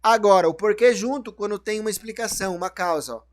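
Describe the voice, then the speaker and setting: A man's voice: high voice, fast talker, no room sound. A man teaches grammar. He explains each rule step by step and quizzes himself along the way. The sound is dry and close, with no room around it. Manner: explanatory, asks and answers his own questions. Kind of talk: grammar lesson.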